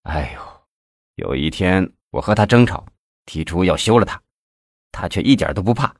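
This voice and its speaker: A man's voice: fairly low pitch, big pitch swings, fairly quick, breathy edge, no room sound, clean studio sound. A man doing a sighing, self-pitying middle-aged mayor. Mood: gloomy, sighing. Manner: sighing, complaining, weary.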